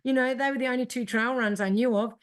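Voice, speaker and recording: A woman's voice: fairly high pitch, steady tone, fast. An Australian woman co-hosting a running podcast, chatting casually in a blunt, emphatic way. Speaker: podcast co-host. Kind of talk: casual chat.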